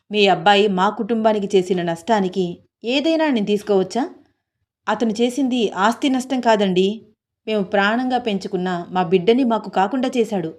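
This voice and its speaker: A woman storyteller voicing a blunt, meddling older woman who speaks loudly with grief and accusation. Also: mid-range voice, close to an everyday voice. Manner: accusing, loud and tearful.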